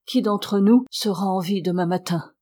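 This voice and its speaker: A woman's voice: medium pitch, normal speed, dark tone, lightly acted. A woman reading the part of a frightened, feverish old male servant with a trembling, quavering voice.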